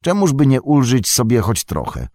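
A man's voice: mid-range voice, wildly swooping pitch, moderate pace, mellow, no echo, studio quality, voice pushed up. A man voicing a loyal, earnest young male hobbit servant who pleads with his master in a raised, eager voice.

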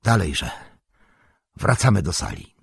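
Male reader as old wizard leader, solemn and urgent, low husky voice. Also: huge pitch swings, takes it slowly, no echo, clean studio sound, heavily acted. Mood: grave. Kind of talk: audiobook character reading.

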